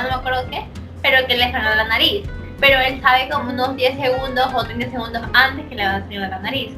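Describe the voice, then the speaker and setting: A young woman with a high, bright voice chats fast with friends, lively, laughing and cutting in often. Faint music sits under the talk. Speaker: podcast co-host. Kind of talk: casual chat.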